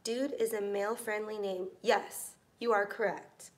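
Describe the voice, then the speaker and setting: A woman's voice: mid-range voice, fairly even intonation, unhurried. A young American woman teaching English in a live online class, patient and encouraging, reading out students' comments. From United States.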